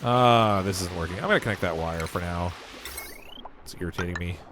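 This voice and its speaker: Over a noisy background, a man with a low-sitting voice commentates briskly on a game he's livestreaming. He rambles as he thinks out loud, chuckles a lot, and is clearly losing his voice.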